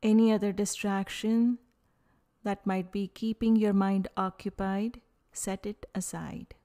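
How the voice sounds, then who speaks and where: Guiding a yoga nidra meditation, this woman uses a mid-range voice that sounds calm and soothing. Her phrases are short, with long pauses in between.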